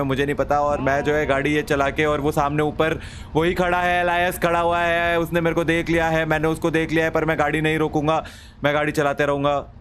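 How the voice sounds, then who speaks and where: A man's voice: a little high, fairly bright tone, slight background noise. Joking man narrating a game. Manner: joking, chatty, switches between Hindi and English; talks fast over the music. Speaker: gaming YouTuber. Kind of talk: playthrough commentary. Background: game music.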